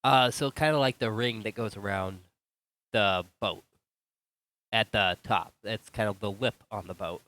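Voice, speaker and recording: A firefighter from Colorado chatting thoughtfully at an online book club, pausing with fillers. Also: male voice, lowish voice, a bit bright, no room sound. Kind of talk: casual book club chat.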